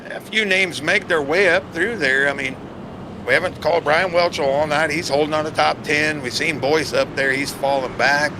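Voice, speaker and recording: A man's voice: on the high side, fairly even intonation, moderate pace, noisy background. A man giving casual, joking color commentary on a sim race.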